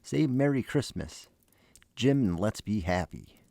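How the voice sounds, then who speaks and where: A man's voice: lowish voice, lively intonation, a little slow, creaky, dark tone. A man voicing an anxious, tender young wife, earnest and pleading, in a fireside storytelling reading.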